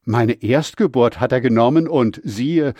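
A man voicing a bitter, desperate elder son in a scripture reading, his pitch lifting as he pleads. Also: unhurried, dark tone, no echo, lightly acted.

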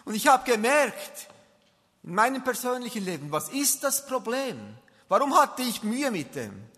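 High bright Swiss German man preaching. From Switzerland. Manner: earnest, emphatic, storytelling. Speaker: lay preacher. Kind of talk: testimony sermon. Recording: long reverb of a large hall.

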